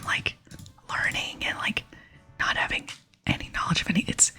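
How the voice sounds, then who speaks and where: Close to the microphone, a young American woman in her gaming-host role rambles casually through an ASMR session in a soft, intimate whisper. The whisper is breathy and unvoiced, at a medium pitch.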